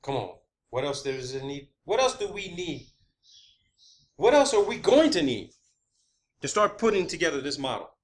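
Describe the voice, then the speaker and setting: A man delivers an unscripted conspiracy-theory monologue online, insistent and emphatic, swearing often and repeating himself and asking rhetorical questions to drive points home. His fairly high voice is sing-song at normal speed, with frequent pauses.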